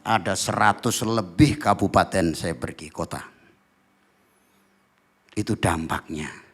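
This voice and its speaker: A middle-aged man, a pastor preaching a sermon and telling stories in a lively way, sometimes singing lines of worship songs. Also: low-pitched, slow pace, breathy edge. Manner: animated storytelling, voices God's words, breaks into song. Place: church hall.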